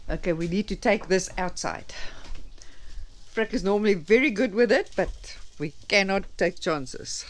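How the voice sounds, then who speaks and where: A woman's voice: mid-range voice, unhurried. A woman chatting casually and teasingly on a sailing catamaran at sea, laughing often. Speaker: sailing vlogger. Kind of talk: casual chat.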